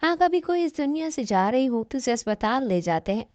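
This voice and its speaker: A woman's voice: sits high, very animated, darkish tone, no echo. A woman narrating a first-person story in an earnest, plaintive way. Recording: dull lo-fi dry recording.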